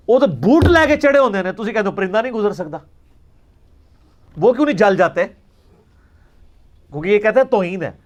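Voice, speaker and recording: In an informal lecture, a high-voiced man with a Pakistani Punjabi accent answers religious questions, arguing emphatically through rhetorical questions and slipping into Punjabi.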